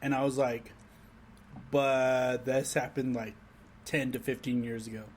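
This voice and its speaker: A man's voice: mid-range voice, level tone, measured pace, slight background noise. A man co-hosting a casual podcast chat, telling stories animatedly and swearing casually. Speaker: podcast co-host.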